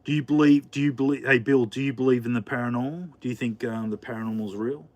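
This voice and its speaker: A fast-talking Australian host with a steady, mid-range voice chats to livestream viewers while cooking in his home kitchen. It's loose, rambling live chat full of fillers and restarts.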